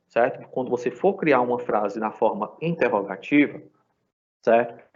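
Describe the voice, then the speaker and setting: A man's voice: mid-range voice, a little mellow. Brazilian man teaching English online. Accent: Brazilian Portuguese. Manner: explanatory, checks in often with "certo?". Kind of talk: live online class. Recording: dull lo-fi sound.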